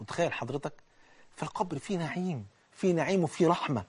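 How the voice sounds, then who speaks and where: A man with an Egyptian accent preaching a colloquial sermon, animated, swinging between hushed and loud as he acts out dialogue. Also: fairly high pitch, quick pace, breathy edge. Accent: Egyptian Arabic.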